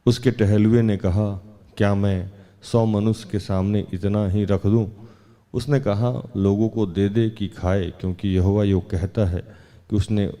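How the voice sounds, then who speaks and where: A male preacher with a low, mellow voice reads scripture at an unhurried, measured pace. Between the readings he preaches with rising emphasis. A long reverb trails his words. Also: fairly even intonation. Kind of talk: Hindi sermon with Bible reading.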